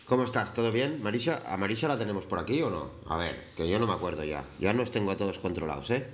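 A man's voice: fairly low pitch, lively intonation, quick pace. Chatty man hosting a live stream. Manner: chatty, greets viewers by name. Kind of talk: casual chat while painting on stream.

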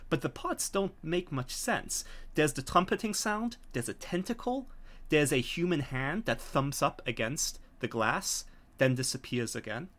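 Over a home video call, a middle-aged man serves as game master for a tabletop horror game, narrating deliberately with frequent pauses. His voice is medium in pitch with a fairly bright tone.

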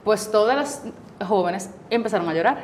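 At a moderate pace and medium pitch, a woman in her forties with a Dominican accent recounts her experience as a cancer survivor in a casual interview. She's an animated storyteller, voicing the people she quotes. The audio carries a little hiss or hum.

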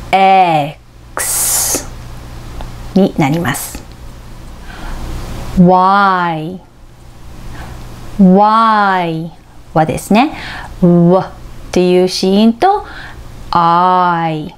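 Slow, deliberate woman teaching pronunciation. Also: lowish voice, a little mellow. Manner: deliberate, repeats each letter slowly for learners to copy. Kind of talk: slow instructional explanation with drills.

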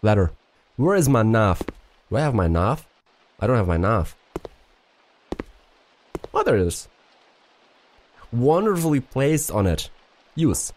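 A man's voice: fairly low pitch, a little mellow, a little hiss or hum. A man streaming a puzzle game, muttering to himself and swearing casually as he plays. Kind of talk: casual live-stream commentary.

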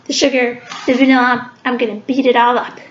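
Filmed by a webcam across her kitchen counter, a woman hosting a library cooking show chats through every step of her home cooking demonstration. She sounds a little high, flat and brisk, with slight background noise over the echoey, dull lo-fi sound.

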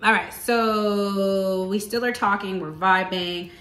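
A woman's voice: mid-range voice, slow. Chatty woman in her thirties, roomy echo. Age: 30s. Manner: animated, chatty, talks straight to viewers. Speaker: vlogger telling a personal story. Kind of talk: casual storytime vlog.

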